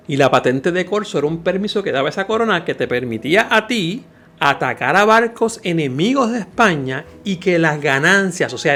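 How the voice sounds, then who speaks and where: A man's voice: on the high side, fairly bright tone. A man with a Puerto Rican Caribbean Spanish accent giving an informal history lecture as a teacher, emphatic and didactic, repeating key phrases. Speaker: history teacher and channel host.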